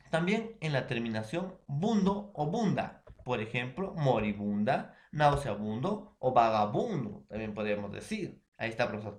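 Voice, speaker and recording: Man, Peruvian Spanish accent, classroom teacher, repetitive, checks on students, mid pitch, echoey room. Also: darkish tone. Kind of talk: classroom spelling lesson.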